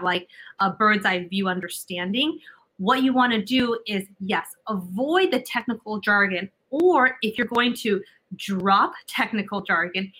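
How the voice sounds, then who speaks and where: A woman's voice: mid-range voice, pushed and bright, rough recording. A woman being interviewed as a communication coach, giving emphatic advice and often checking in with "right?". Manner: emphatic, repeats key points.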